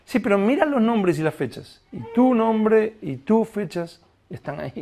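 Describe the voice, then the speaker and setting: A male preacher with a high-pitched voice and a gravelly edge. He delivers his sermon in an animated way, slipping into quoted prayers and little dialogues as he goes. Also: normal speed.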